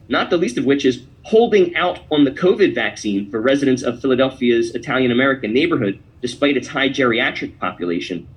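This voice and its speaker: A man's voice: a little high, low-quality recording. A man hosting a podcast, giving opinion commentary and reading a poem aloud in an emphatic, declamatory way. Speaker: podcast host.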